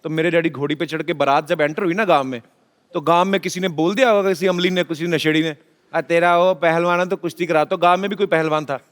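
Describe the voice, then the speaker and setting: A man's voice: on the high side, fast. A man from Punjab hosting a comedy talk show, teasing his guests in playful stage banter. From Punjab, India. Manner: teasing, playful, chuckles while talking. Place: TV studio before a live audience. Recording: studio audience laughter and noise.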